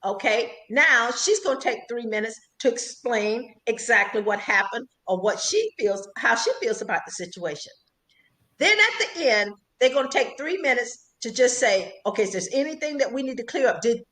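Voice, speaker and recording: An older woman speaks as a guest on a podcast, counseling listeners in an earnest, emphatic way. She repeats her main points for weight, and her voice sits a little on the high side. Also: a bit bright. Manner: earnest, emphatic, repeats key phrases like a preacher. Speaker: psychologist and radio host, interview guest. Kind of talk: podcast interview, advice-giving.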